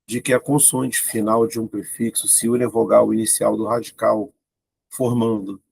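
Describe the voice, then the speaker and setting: Gravelly male teacher. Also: mid-range voice, dry recording. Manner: informal, thinks aloud, exclaims at tricky items. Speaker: Portuguese teacher. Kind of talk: exam-prep grammar lesson.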